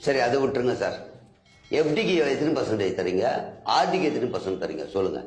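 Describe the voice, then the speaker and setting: A man's voice: mid-range voice, big pitch swings, darkish tone. A man arguing as an indignant bank customer in a comedic sketch, firing off questions. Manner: argumentative, indignant, rapid-fire questioning. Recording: echoey room with faint music.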